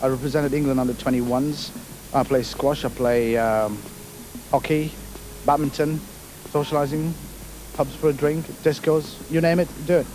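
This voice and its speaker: A middle-aged man from Kenya, a navy petty officer answering interview questions in an unhurried, hesitant way with many fillers. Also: on the high side, fairly even intonation, background noise.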